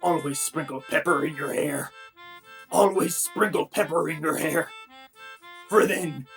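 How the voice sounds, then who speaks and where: A woman plays an announcer reciting a playful rhyming advert with emphatic repetition. Her voice is somewhat low for a woman, and soft music plays underneath. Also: measured pace. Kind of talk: rhythmic poem recitation.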